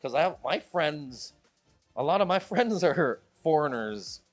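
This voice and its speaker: Unhurried and expressive, this man talks over soft background music to his stream viewers in the Philippines. He's from Chicago with a Midwestern American accent, and his casual chatter is jokey and rambling, full of repetition and high-pitched mimicry of others.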